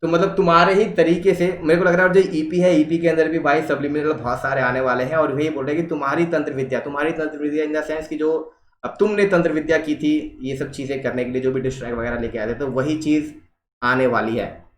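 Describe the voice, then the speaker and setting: Man, reaction host, casual commentary, slightly high voice, reads posts aloud, echoey room. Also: fairly even intonation, fast. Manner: reads social media posts aloud and comments, mixing English phrases.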